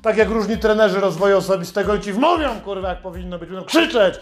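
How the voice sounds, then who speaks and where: A man's voice: sits high, quick pace. A man hosting a podcast, delivering a sarcastic, heavily profane satirical monologue. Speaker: podcast host.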